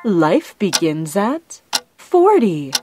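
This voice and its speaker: A woman working as a bingo caller, announcing each call deliberately in short, separate phrases. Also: on the low side, big pitch swings. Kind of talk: bingo calling with rhyming nicknames, announced number by number. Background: music.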